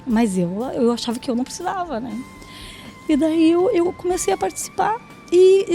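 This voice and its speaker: This mother of two daughters tells her personal faith story in a warm, high-sitting voice. Chatty by nature, she performs what people said and peppers her speech with "né?" and "sabe?".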